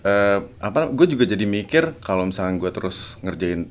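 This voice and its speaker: A man's voice: lowish voice, moderate pace. Easygoing male host. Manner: relaxed, easygoing, with frequent fillers. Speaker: podcast host. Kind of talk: casual podcast chat.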